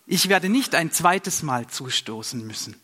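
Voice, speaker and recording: A man's voice: fairly high pitch, animated, measured pace, sharp tone, slightly rough, exaggerated voice. A man voicing an eager, fierce young soldier in a storybook reading, speaking urgently. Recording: long reverb.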